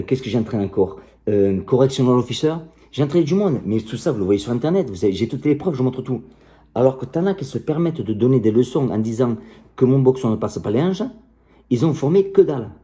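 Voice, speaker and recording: A man's voice: mid-range voice, warm tone. A middle-aged man, a martial arts coach, ranting to camera in a combative, passionate and crude way. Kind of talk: direct-to-camera rant.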